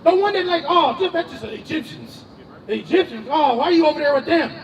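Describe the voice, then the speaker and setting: A man preaches outdoors in an emphatic, slangy way, his voice pitched very high. He is picked up from a distance. Street and traffic noise runs clearly behind him. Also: lively intonation, quick pace. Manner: emphatic, slangy, questioning the crowd. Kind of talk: street preaching, calling on a reader.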